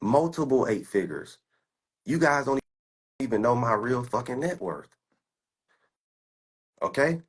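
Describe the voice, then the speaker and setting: Husky, profane young man boasting. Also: medium pitch, expressive, unhurried, pauses often. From United States. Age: 20s. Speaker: stock trader. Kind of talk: casual rant while screen-sharing.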